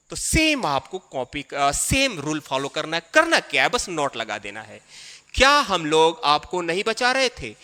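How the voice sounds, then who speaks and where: Male teacher, animated and bright, walking through grammar step by step. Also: a little high. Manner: explains step by step, repeating key phrases slowly. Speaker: English teacher. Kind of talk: classroom grammar lesson. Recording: long hall reverb.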